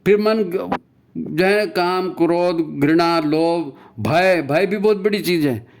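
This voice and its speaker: A man's voice: high voice, takes it slowly. A man giving a spiritual talk on meditation, often repeating himself and asking rhetorical questions. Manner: rhetorical questions and repetition, tagging "है ना?"; recites scripture and mantra lines. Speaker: spiritual speaker.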